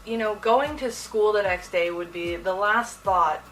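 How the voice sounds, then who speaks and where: A young woman tells a personal story in a casual, slangy and animated way, as a video host would to her viewers. Her voice sits at an ordinary pitch for a woman. She is a little distant from the mic, with music playing underneath. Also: measured pace.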